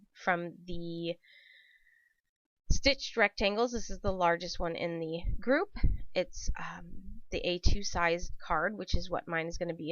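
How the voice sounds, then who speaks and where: A woman with a fairly low, slightly bright voice narrates a casual papercraft tutorial as the channel's host. The dry home recording sounds dull, and her throat is rough and dry from a cold. She keeps chatting and drifting, with frequent ums and corrections.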